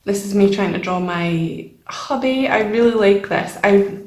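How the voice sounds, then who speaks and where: The sound is strongly echoey, like a room with almost nothing in it. A young woman talks slowly and casually as a channel host, in a medium-pitched voice. Her delivery is informal and somewhat hesitant, with a self-deprecating way of putting things. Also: darkish tone. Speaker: channel host showing a sketchbook. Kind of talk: casual chat, vlog voice-over. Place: nearly empty room indoors with only a desk. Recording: echoey, bare empty room.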